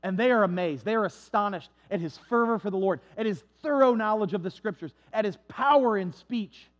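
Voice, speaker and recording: High-voiced, animated male preacher. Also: fairly quick. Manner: animated, conversational preaching with asides. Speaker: pastor. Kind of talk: storytelling sermon. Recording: dull lo-fi sound.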